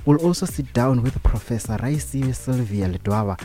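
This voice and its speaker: A man's voice: mid-range voice, animated, moderate pace, warm tone. Man, South African accent, morning show host, radio presenting style, light music behind. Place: radio studio.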